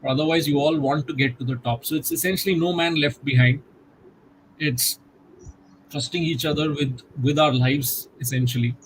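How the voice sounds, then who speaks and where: A middle-aged man, a guest in a conversational interview, speaking in a reflective, measured way with many "you know" fillers over a video call. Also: a little high, steady tone, slight background noise, rough recording.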